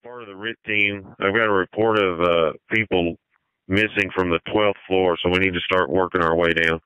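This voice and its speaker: A man's voice: low-pitched, fairly even intonation, normal speed, sharp tone, clean tone, no echo. A man giving terse orders as a fire incident commander over a two-way radio. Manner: terse, directive. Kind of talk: firefighter radio dispatching. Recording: dull, band-limited fire radio channel.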